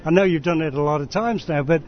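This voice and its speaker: A man's voice: a little high, fast talker. A middle-aged man interviewing casually, with an appreciative, encouraging way of asking questions. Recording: dull recording with clear background noise.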